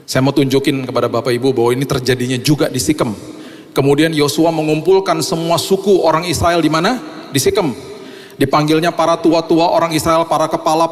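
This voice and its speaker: A man preaching a sermon as a pastor, telling a story and acting out its dialogue. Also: on the high side. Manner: storytelling, acts out the dialogue with a raised voice. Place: large church hall. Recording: long church hall reverb.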